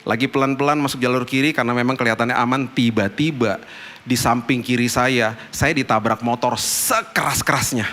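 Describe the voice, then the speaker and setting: A man preaching a sermon as a pastor, telling stories in a lively, colloquial way. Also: mid-range voice, a little fast. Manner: lively storytelling preacher, colloquial, acts out dialogue.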